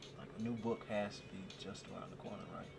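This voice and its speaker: An actor playing a chatty, awkward server and eager fan who rambles and stammers with lots of fillers, in short film dialogue. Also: male voice, lowish voice, flat delivery, fast talker, gravelly, background noise.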